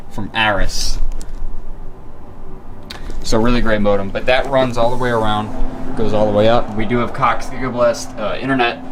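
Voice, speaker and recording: A man's voice: on the low side, noisy background. A man giving a casual, unscripted show-and-tell vlog in a rambling, laid-back way, recorded on a camera in his room at home. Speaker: vlogger showing a home tech setup. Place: bedroom at home.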